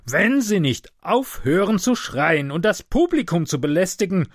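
A man voicing a timid but officious middle-aged male train conductor who speaks stiffly and gives way quickly. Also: on the high side, very animated, no room sound, clean studio sound, pitched above the performer's own voice, exaggerated voice. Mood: threatening.

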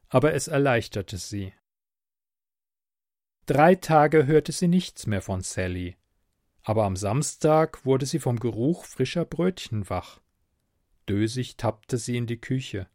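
Slow, expressive male storyteller. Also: medium pitch, no room sound, clean studio sound. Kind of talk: story read aloud.

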